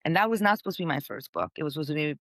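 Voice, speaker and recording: Bright, upbeat woman podcast guest. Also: low voice, sing-song, rapid-fire, dry recording. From Portugal. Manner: upbeat, chatty, full of fillers. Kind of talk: casual interview talk.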